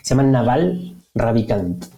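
A Chilean man talks as a podcast guest in an easy, rambling way, full of fillers and restarts. His voice is warm and dark. Faint music plays underneath. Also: mid-range voice, a little slow, gravelly. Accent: Chilean Spanish. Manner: relaxed, chatty, frequent fillers and restarts. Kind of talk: casual interview chat.

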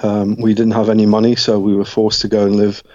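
Recounting his life as an interview guest, a middle-aged man from Scotland keeps his low voice flat and his delivery thoughtful and measured, with occasional small restarts. The audio is dry and a little muffled, with no echo.

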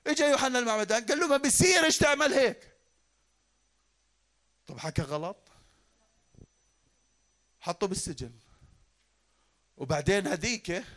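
A man preaching a sermon from a church pulpit in Levantine Arabic, animated and fervent as he talks to his congregation. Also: high voice. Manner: animated, fervent, addresses the flock warmly. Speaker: pastor.

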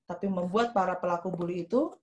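A woman giving an informal spoken lesson over a phone voice message, chatty and lively, often tagging phrases with "ya" and acting out little scenes. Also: on the low side, fast. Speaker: psychology class speaker.

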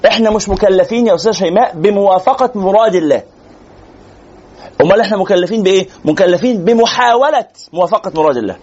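Brief: male Egyptian sheikh lecturing, quick and animated, husky high voice, lo-fi recording. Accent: Egyptian Arabic. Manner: animated, teasing, rhetorical questions. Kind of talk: religious lecture, conversational.

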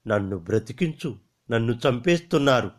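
A man's voice: medium pitch, animated, moderate pace, natural voice. A man doing a wounded, desperate young lover. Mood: pleading. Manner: pleading, insistent.

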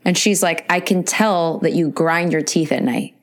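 A woman's voice: lowish voice, moderate pace. A woman in her forties co-hosting a podcast, chatting candidly and animatedly with plenty of swearing. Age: 40s. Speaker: podcast co-host. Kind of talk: casual chat.

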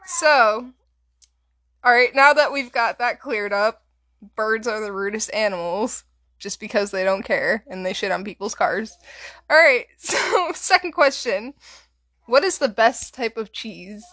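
Young woman, kinda high voice, giggling and teasing her bf in casual chat. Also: a little slow, sharp tone. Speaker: host asking the questions.

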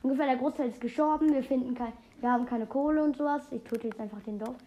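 A woman giving casual, excitable gaming commentary, rambling through fun facts with many restarts. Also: high voice, quick pace. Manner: excitable, keeps exclaiming "Junge". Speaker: let's play host.

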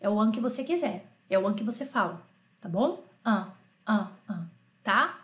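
A woman's voice: mid-range voice, expressive, a little fast, a bit bright, roomy sound. Chatty Brazilian woman teaching French. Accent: Brazilian Portuguese. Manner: chatty, joking, addresses learners directly. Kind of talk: live online language lesson.

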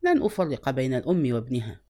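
A woman's voice: lowish voice, wildly swooping pitch, fast talker, dark tone. A woman voicing a wealthy, lonely older lady who speaks in a coaxing, persuasive way, as part of a story reading.

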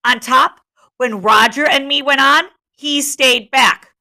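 A defiant schoolboy rival from a storybook, voiced by a woman reading aloud, speaks in bright, forceful declarations. He is resentful and accusing, pushing hard against whoever is in charge, with his pitch lifted above easy talk. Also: takes it slowly, exaggerated voice. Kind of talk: storybook read-aloud dialogue.

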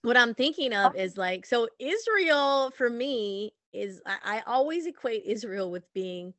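A woman's voice: a little high, animated, measured pace, fairly bright tone, dry recording. A woman hosting an interview who asks polite, careful questions. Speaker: podcast host.

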